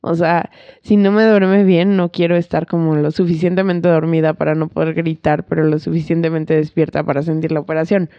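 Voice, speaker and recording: A woman's voice: deep voice, fairly quick, no echo. A young woman with a Mexican Spanish accent, chatting casually with friends and acting out the people in her story. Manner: animated storyteller, acts out quotes. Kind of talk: casual chat among friends. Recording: dull, lo-fi sound.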